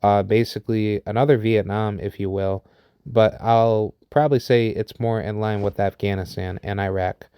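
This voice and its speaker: Man, 30s, from the US, smooth resonant voice, dry close sound, rambling monologue with fillers and restarts. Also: fairly low pitch, fairly even intonation, moderate pace, warm tone, dry recording. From United States. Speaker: vlogger sharing opinions. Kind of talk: unscripted opinion monologue.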